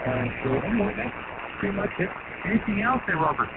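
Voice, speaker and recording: Gravelly man through loud radio static. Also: high-pitched, sing-song, phone-quality sound. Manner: chatty, many filler pauses. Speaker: ham radio caller. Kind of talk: casual radio chat.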